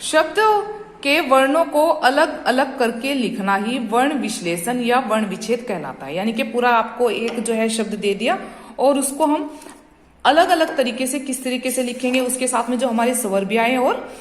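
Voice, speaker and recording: A woman's voice: on the high side, normal speed. A woman teaching a school grammar lesson, explaining patiently, stretching out example sounds and checking that students follow. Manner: addresses students as "beta". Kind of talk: classroom-style grammar lesson. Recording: echoey room with long reverb.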